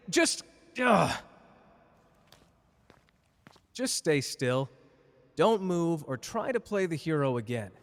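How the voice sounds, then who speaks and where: Man acting Gojo, cocky high-voiced flirty sorcerer. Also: fairly bright tone, full character voice. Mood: alarmed, angry. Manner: playful, smug, drawling, teasing. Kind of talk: anime character roleplay audio drama. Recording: reverberant hall, audible background noise.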